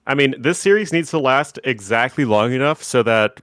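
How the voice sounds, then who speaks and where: Male co-caster, chatty and easygoing, mid-pitched voice, close dry mic. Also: normal speed, no room sound. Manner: relaxed, chatty, laughs often. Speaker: tournament co-caster. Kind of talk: casual game commentary.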